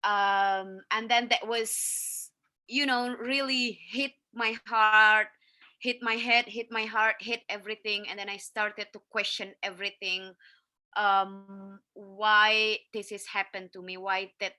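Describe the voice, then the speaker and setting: On an online panel, a woman talks slowly and hesitantly, with frequent fillers and restarts. Her mid-range voice is bright and steady, and the sound is dry and close, as a video call would pick it up.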